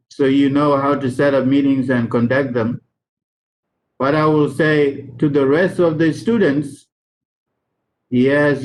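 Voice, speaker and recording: A man from South Sudan with a South Sudanese accent, a guest engineer giving students career advice in a slow, halting way, often repeating words. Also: medium pitch, slight background noise, rough recording.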